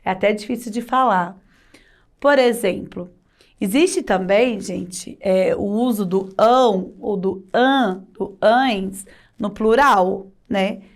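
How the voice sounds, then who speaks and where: A woman teacher with a Brazilian Portuguese accent, giving a children's video lesson with a sing-song reading of example sentences and slow, drawn-out pronunciation of words. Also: mid-range voice.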